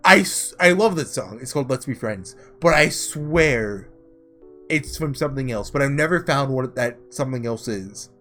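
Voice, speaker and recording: Soft music plays behind a man whose medium-pitched voice has lively intonation at a normal speed. As host of a casual gaming playthrough, he reads the visual novel's text and muses aloud informally.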